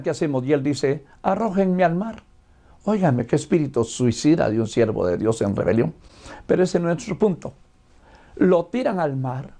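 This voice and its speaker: Speaking with a Guatemalan accent, this older man teaches religion the way a missionary would, laying points out deliberately and explanatorily. His tone is mellow and pitched a little high.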